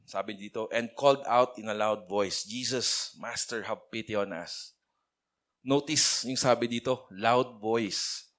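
A man's voice: mid-range voice, fairly bright tone. A man giving a casual, conversational sermon, mixing English phrases into his talk and calling on listeners by name. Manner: chatty, mixes English phrases into his speech. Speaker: preacher.

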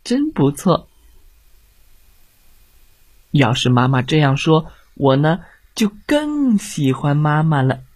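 Slow, lilting bedtime storyteller man. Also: a little high, sing-song, no room sound. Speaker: storyteller host. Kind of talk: bedtime story reading for children.

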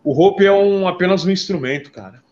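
A man, a street artist, telling his story earnestly in an interview, jumping between lively bursts and soft, quiet asides. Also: high voice, a little fast, dull audio. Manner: earnest, calls the listener "my brother". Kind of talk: animated personal storytelling.

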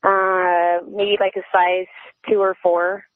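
A woman's voice: fairly low pitch, level tone, takes it slowly, no echo. A woman calling in to a radio show, hesitant, unsure and giggly. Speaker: caller. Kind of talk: call-in radio conversation. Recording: tinny dry phone line.

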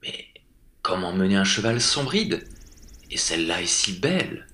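A man's voice: big pitch swings, unhurried, bright, forceful tone, full character voice. A man voicing a naive young prince who pleads in a raised voice, in a storybook reading. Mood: musing. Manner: pleading, higher than the narration. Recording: echoey room.

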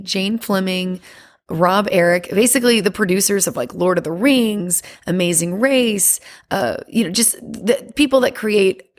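A woman chatting as a podcast guest, bubbly and quick to laugh. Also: medium pitch. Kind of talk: casual podcast chat.

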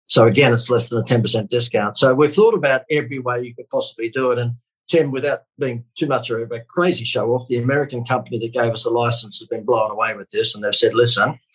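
Australian man, 50s, podcast guest; raspy edge, quick sales patter, deadpan sarcasm. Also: medium pitch, poor audio. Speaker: marketing guest. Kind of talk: casual podcast interview.

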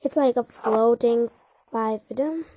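A woman's voice: on the high side, takes it slowly, warm tone, dry recording. Woman voicing a hearty, smug middle-aged man. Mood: jovial. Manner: chortling, hearty, a little smug. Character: jovial heavy-set middle-aged male passenger. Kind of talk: audiobook character voice.

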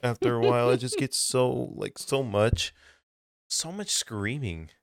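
A young man co-hosting a casual podcast chat, loose and profane, often laughing and mimicking yells. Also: medium pitch, lively intonation, measured pace, vocal fry, no room sound, clean studio sound. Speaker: podcast co-host.

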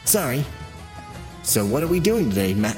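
A man's voice: medium pitch, big pitch swings, moderate pace, a little mellow, soft background music, pitched above the performer's own voice, natural voice. A man voicing a small, cheerful and naive male training robot in a storybook reading; guileless and chatty, catching himself when he says too much. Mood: cheerful, innocent. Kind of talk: storybook narration with voiced characters.

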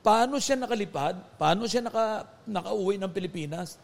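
A man, a bishop hosting the interview, telling stories in an animated way. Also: sits high, normal speed, vocal fry. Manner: animated, acts out quoted voices. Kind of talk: interview and storytelling. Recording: long hall reverb.

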